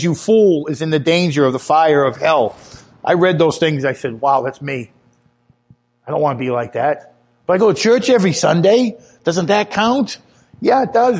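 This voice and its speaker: A man giving a sermon, earnest and personal, telling his own testimony and growing louder and higher when he stresses a point. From Italian heritage. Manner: earnest testimony, rises in pitch when emphatic. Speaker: preacher.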